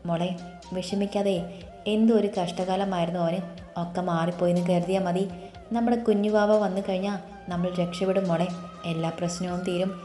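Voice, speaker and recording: A woman voicing a caring, worried middle-aged mother who soothes and gently scolds, in a storybook reading with faint music in an echoey room. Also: on the low side, little pitch movement, fairly quick, natural voice. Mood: soothing.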